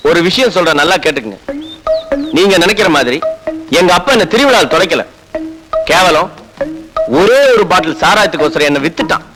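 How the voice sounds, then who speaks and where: Brief: a mocking young villager, fairly high voice, film score behind. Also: male voice, low-quality recording. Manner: mocking, defiant speech to villagers. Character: cheeky defiant young man scorning his village. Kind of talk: comedy film dialogue.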